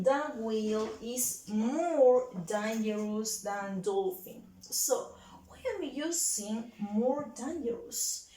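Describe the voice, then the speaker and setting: Woman English teacher, unhurried bilingual lesson style, slight hiss behind, roomy sound. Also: fairly high pitch, darkish tone, distant mic. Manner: slow and deliberate, repeating words and switching between English and Spanish. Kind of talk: bilingual classroom lesson for children.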